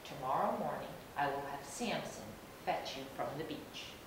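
A woman voicing a proud, gruff but kindly male eagle while reading a picture book to young children. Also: lively intonation, normal speed. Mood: proud, measured. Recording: roomy, distant microphone, rumbling background noise.

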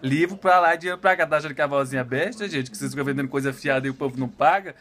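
Man, rapid-fire teasing banter, plays the haggler. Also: fairly high pitch, a bit bright, a little hiss or hum. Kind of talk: bantering home video.

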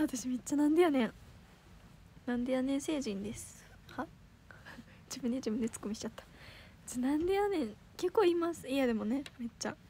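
A teenage girl with a Kansai accent, hosting a casual livestream, chatty and giggly, reading comments aloud and correcting herself quickly. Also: high voice, darkish tone, a little hiss or hum. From Osaka, Japan. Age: teens. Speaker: idol livestream host.

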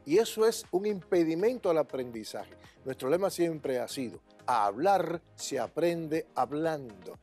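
Hombre enfático enseñando pronunciación inglesa. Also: male voice, fairly high pitch, expressive, measured pace, a little mellow, faint music behind. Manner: emphatic, opinionated, demonstrates English intonation. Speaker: English teacher and school director. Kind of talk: interview answers.

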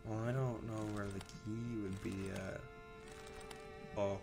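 A man's voice: on the low side, flat delivery, takes it slowly, creaky, music in the background. A man commentating a video game as he plays, rambling and often restarting his sentences as he reacts to what happens on screen. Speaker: gamer. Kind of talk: let's play commentary.

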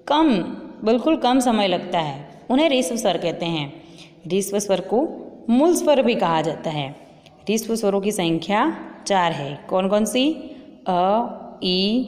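Female teacher, deliberate and slow, posing and answering her own questions; long reverb on the voice. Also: a little high, darkish tone. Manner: asks questions and answers them herself. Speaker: school Hindi teacher. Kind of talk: classroom grammar lesson.

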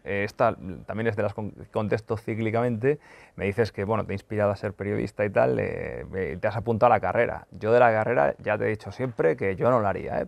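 In Qatar for the World Cup, a gravelly-voiced football journalist and video host answers questions in a casual vlog. He speaks low with no echo around him, swearing bluntly, stumbling into fillers and starting over a lot.

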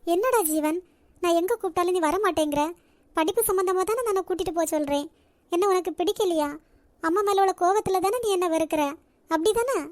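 A woman voicing a soft-spoken, lovesick young woman. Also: extremely high pitch, a little fast, no room sound. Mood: pleading. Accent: Nagercoil Tamil. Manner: soft, pleading. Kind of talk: cartoon voice acting.

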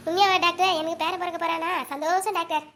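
Woman doing a high-pitched fast nagging mother-in-law, scolds then fusses, comedy skit. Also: fairly even intonation, a bit bright, a little hiss or hum. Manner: scolding, then fussing over her daughter-in-law. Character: fussy, doting village mother-in-law.

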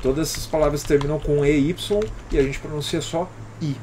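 Patient Brazilian English teacher, slightly high. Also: male voice, fairly even intonation, a little fast, a little mellow, a little hiss or hum. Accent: Brazilian Portuguese. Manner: explains patiently, greets viewers by name; often ends with "alright?" and "né?". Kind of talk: live-stream English lesson.

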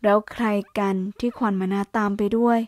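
A woman narrating a romance story in Thai in a steady, unhurried storytelling voice that often drops soft and hushed. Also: medium pitch, dry recording, clean studio sound.

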